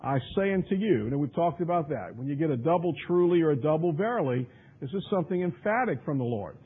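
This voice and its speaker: A man's voice: on the high side, lively intonation, fast talker, breathy edge. A man preaching a Bible study sermon. He reads scripture aloud in old-fashioned wording, then explains it conversationally with many fillers and repeated words. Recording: tinny, phone-like radio broadcast.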